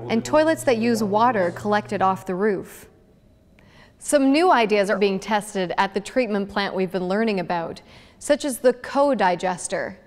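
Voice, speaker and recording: A woman's voice: medium pitch, a little hiss or hum. A woman host presenting a scripted segment, her voice echoing in a large indoor lecture hall. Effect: echo of a big hall. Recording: long hall reverb, faint music.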